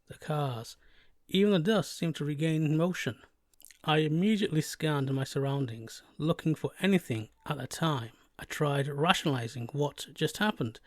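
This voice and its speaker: A man's voice: a little high, no room sound, clean studio sound. A man reading a scripted first-person horror story as its narrator, now and then stumbling over a word.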